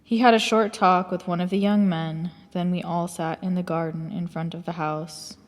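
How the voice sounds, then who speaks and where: A woman reading a first-person memoir aloud in a measured, reflective way. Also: on the low side, fairly even intonation, in a large hall. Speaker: audiobook narrator.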